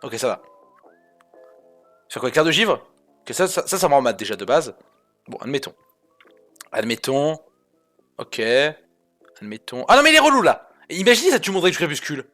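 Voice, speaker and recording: A man streaming a card game, talking straight to his viewers with sarcastic swearing asides, jumping from loud outbursts to low mutters. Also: big pitch swings, normal speed, pauses often, faint music behind. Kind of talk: live-stream game commentary.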